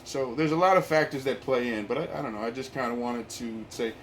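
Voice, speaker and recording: A man gives a casual vlog talk with his voice coming through a face mask. His pitch is average and his delivery rambles, with hesitations and repeated words. Noticeable noise sits behind him. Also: a little fast, a bit bright. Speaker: video host. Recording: clear background noise.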